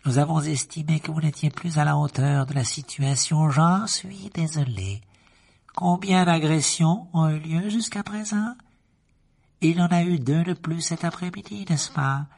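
A man voicing a cold, sly aristocrat who speaks softly, slowly and silkily with smug menace. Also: on the high side, creaky, voice pushed up. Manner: soft-spoken, slow and silky.

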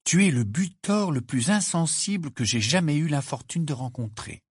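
A man voicing Hermione, a bossy, clever teenage girl who talks in a brisk, prim, lecturing way. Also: on the high side, expressive, breathy edge, no echo, clean studio sound, voice pushed up.

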